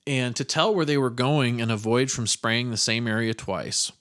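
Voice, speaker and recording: A man's voice: mid-range voice, moderate pace, fairly bright tone. Male podcast host from Iowa; loose, profane, self-mocking storyteller. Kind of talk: casual storytelling monologue.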